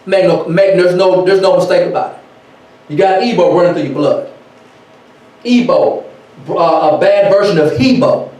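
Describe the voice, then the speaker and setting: A man, teaching from scripture and history in an animated sermon style, reading passages aloud and riffing on them. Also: sits high, moderate pace, long pauses. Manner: animated, reads aloud then riffs in casual speech. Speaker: teacher at a ministry. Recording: echoey hall, from far off.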